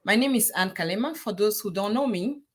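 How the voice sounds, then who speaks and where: A woman from Congo hosting a live online business interview, encouraging and pausing often with fillers. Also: medium pitch, animated, husky. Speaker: host.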